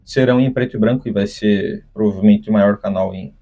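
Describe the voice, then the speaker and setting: A man's voice: lowish voice, steady tone, fairly quick, phone-quality sound. A young man, talking unscripted to his channel's viewers, rambling with many restarts. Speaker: channel host. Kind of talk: unscripted casual talk to camera.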